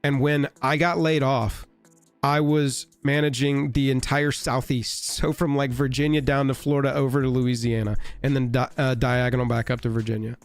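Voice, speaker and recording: Raspy-voiced sick man, wry live-stream host. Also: medium pitch, little pitch movement, normal speed, soft background music. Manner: rambling, wry and offhand. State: sick, hoarse. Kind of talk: casual live-stream chat.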